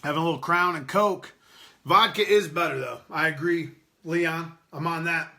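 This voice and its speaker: Guy hosting his podcast, bright kinda high voice, rambly and swears a lot. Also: normal speed, vocal fry. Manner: loose, rambling and profane, laughing often. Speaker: podcast host. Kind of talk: unscripted casual chat with live chat readers.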